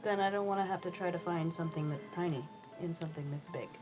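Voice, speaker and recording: Lowish woman's voice, casual tabletop game talk, some music in the background. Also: fast, a little mellow.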